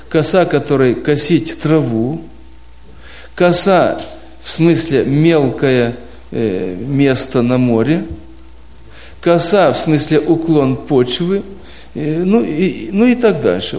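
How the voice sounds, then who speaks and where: A man's voice: fairly high pitch, a little mellow. Patient man teaching church brothers. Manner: patient, explaining with homely examples and rhetorical questions. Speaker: preaching instructor. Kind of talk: informal teaching talk to a group of church brothers. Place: church congregation abroad.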